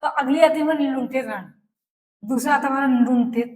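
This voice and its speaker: High-voiced woman teacher dictating slowly. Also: a little mellow. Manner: slow, repeats each phrase for dictation, asks and answers her own questions. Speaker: Hindi teacher. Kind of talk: classroom lesson, dictating notes. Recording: echoey room.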